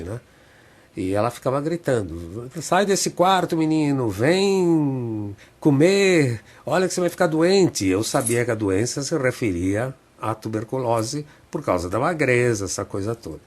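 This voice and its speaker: An older man tells stories slowly in a radio studio, often checking in with small tag questions. His voice sits low and sounds husky. He talks like a seasoned theatre man looking back. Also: a little mellow. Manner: unhurried reminiscing, frequent tag questions. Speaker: theatre director, interview guest. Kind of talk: reflective storytelling in a radio interview.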